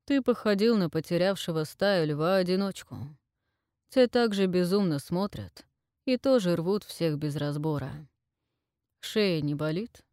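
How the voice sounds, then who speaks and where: A woman voicing a gruff male hunter who speaks tersely and matter-of-factly. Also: lowish voice, measured pace, a little mellow, dry recording, clean studio sound, lightly acted. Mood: dry.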